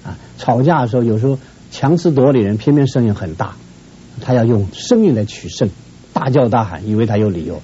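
A man from Shenyang, a family counselor giving earnest, admonishing advice to viewers. His pitch jumps up sharply whenever he stresses a point. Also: animated, fairly quick, warm tone, highs cut off, slight background noise. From Shenyang, northeast China. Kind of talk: advice talk to a viewing audience.

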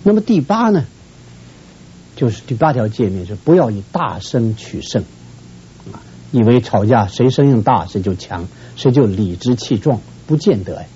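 A mellow, darker-toned man counsels his audience on marriage, earnest and admonishing. His voice leaps upward to stress his points. The recording is dull and lo-fi with a faint hiss behind him. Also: medium pitch, very animated, normal speed. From Shenyang, northeast China. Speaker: family counselor. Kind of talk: advice talk to a viewing audience.

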